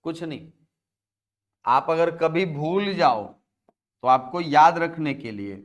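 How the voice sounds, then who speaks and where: A man's voice: a little high, takes it slowly. A man teaching an exam-prep class, explaining step by step and asking and answering his own questions, with a Chhattisgarh Hindi accent. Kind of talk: classroom lecture.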